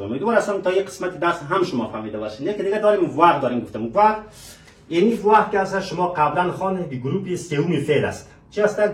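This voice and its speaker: A man teaching a French lesson. He asks rhetorical questions, answers them himself, and says example phrases slowly. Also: on the high side. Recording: echoey room, mic at a distance.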